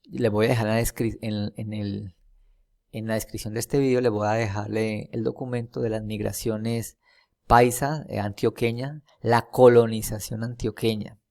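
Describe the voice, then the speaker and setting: A Colombian man gives a casual history lecture over a map, speaking at a moderate pace in a lowish, dark voice with vocal fry and a steady tone. He rambles with many fillers and restarts and often checks in with his students.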